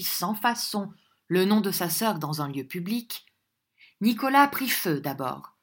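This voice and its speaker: A woman reads a classic novel aloud, her voice sitting on the low side. She narrates steadily and with measure, letting the long sentences unfold evenly. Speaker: audiobook reader.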